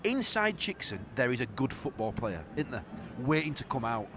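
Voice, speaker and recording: A man's voice: mid-range voice, sing-song, normal speed. A man with a Yorkshire accent hosting a football podcast outdoors, mixing blunt, teasing banter with casual live match commentary. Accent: Yorkshire English. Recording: outdoor football ground, traffic and ambient noise.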